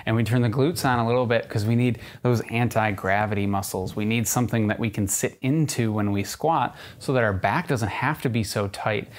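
A man's voice: fairly low pitch, steady tone, a little fast, few pauses. A young man, a fitness coach, talks casually as he demonstrates a crawling exercise in a carpeted living room, recorded by a camera a few meters off.

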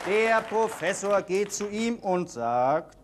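A man narrating a comic sketch in a measured, dramatic storytelling manner. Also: sits high, animated, a crowd in the background. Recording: 1970s TV studio, audience, hiss. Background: studio audience.

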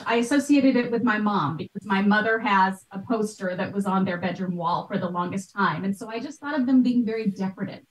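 A talkative woman, likely middle-aged, who is a podcast host and art historian, explains things emphatically as a guest in a video-call interview. Her medium-pitched voice comes through a computer mic in a small, bright room at home, sounding distant and echoey.

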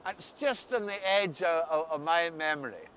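A mature man with an Ulster Scots accent puts questions in a relaxed chat. His voice sits a little high and he halts and repeats words. Light outdoor noise sits behind him. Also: moderate pace, rough recording. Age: middle-aged or older. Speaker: interviewer. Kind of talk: casual interview chat. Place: outdoors on a grassy coastal path by the sea. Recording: faint outdoor ambient noise.

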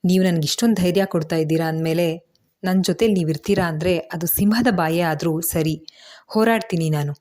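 A woman's voice: on the low side, brisk, darkish tone, natural voice. A woman voicing a frightened young wife who asks anxious, pleading questions. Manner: pleading, breathless worried questions.

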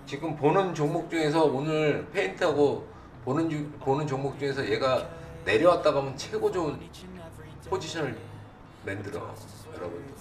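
This middle-aged stock broadcast host speaks at a moderate pace, his pitch highly animated as he comments on live charts for viewers. He's blunt and casual, repeatedly throwing either-or questions at his audience. He's recording at an indoor computer desk on a livestream setup, with a distant mic, roomy sound, and faint music playing.

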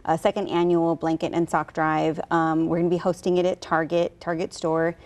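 A woman's voice: low-pitched, little pitch movement, moderate pace, a little mellow. A woman in her thirties, a hospice representative chatting as a guest in a TV studio, with many fillers. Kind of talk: TV studio interview. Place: local TV news studio, on a couch. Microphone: lapel mic.

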